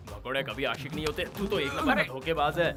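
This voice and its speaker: An actor dubbing a lovesick man who rants loudly and brags that his love is the true one. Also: fairly high pitch, expressive, brisk, natural voice. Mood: ranting. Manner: loud ranting, shouting like a loudspeaker. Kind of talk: Hindi film dub. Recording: film soundtrack with music.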